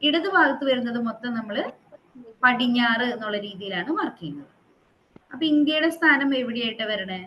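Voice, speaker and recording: A woman teacher with a somewhat high voice leads a classroom geography lesson. She keeps asking the class questions, checks that they have understood, and repeats the numbers to drill them. There is a faint hiss under her voice. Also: animated, brisk, lo-fi sound. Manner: mixes English terms into her teaching.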